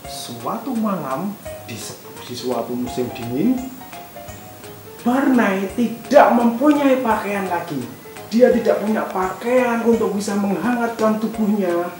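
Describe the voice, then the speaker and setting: A woman telling a Bible story to children at an online church service, gently asking them questions along the way. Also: mid-range voice, animated, a little slow. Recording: echoey room with music behind.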